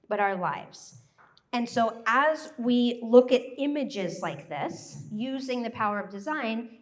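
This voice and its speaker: Brief: American woman, raised in Thailand, somewhat high voice, lively and joyful workshop speaker. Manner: upbeat, joyful and animated. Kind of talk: live presentation talk.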